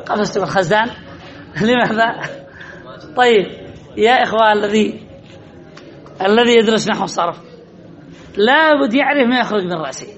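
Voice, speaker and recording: High, bright-voiced male teacher drilling a class. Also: expressive, moderate pace, long pauses. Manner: quizzes listeners and answers his own questions; repeats key points in drilling rhythm. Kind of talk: classroom lesson.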